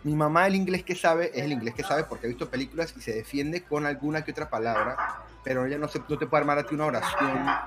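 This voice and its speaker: A man's voice: on the high side, fast talker, loud music behind the voice. A young man with a Colombian accent, casually telling a family story and acting out the people he quotes. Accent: Colombian Spanish. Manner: animated, repeats himself, acts out the voices he quotes.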